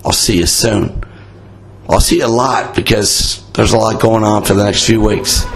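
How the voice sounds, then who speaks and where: Hoarse, low-voiced man, casual podcast host. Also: steady tone, moderate pace, slight background noise, rough recording. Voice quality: raspy, hoarse. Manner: blunt, profane, self-mocking. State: voice worn out. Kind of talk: casual rambling monologue.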